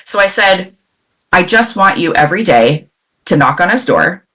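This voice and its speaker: A woman from the Pacific Northwest, a parenting coach telling a client story in a lively, conversational way, acting out quoted dialogue. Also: on the low side, normal speed. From Pacific Northwest, USA. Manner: animated, acts out quoted dialogue, many fillers.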